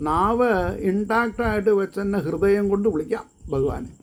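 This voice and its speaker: A man giving a devotional discourse, chanting verses slowly and then explaining them in quick bursts. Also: sits high, expressive, a little hiss or hum. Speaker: devotional speaker.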